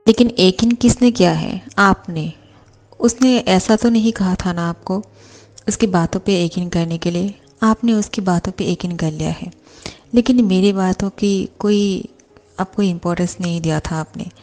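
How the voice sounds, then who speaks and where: A young male secretary, hurt and reproachful, asks why his boss never listened, voiced by a woman reading his lines. The tone is low-ish and warm, close to a plain reading. It fits a retold storybook romance. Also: normal speed, natural voice. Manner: reproachful, complaining.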